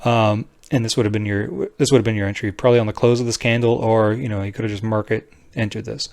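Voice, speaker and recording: A man's voice: lowish voice, steady tone, quick pace, creaky, a little mellow, no echo. Casual, blunt man explaining in a dry-sounding recording. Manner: informal and blunt, often checking with "right?". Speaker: trading tutorial presenter. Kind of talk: casual screen-share tutorial, unscripted explanation.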